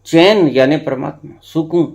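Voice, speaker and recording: A man who is a spiritual teacher, giving a discourse to followers, swinging between hushed and emphatic and repeating phrases for effect. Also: on the high side, a little slow, creaky.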